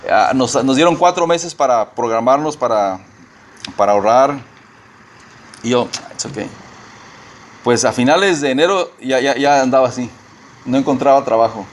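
A man preaching a sermon as pastor, speaking haltingly with many repeated words and a few English phrases mixed in. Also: mid-range voice, a little hiss or hum.

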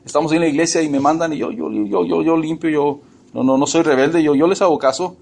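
A man's voice: a little high, a little fast, gravelly, darkish tone. A man putting on the voice of a woman churchgoer who insists she is obedient, protesting and stammering over her words. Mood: defensive.

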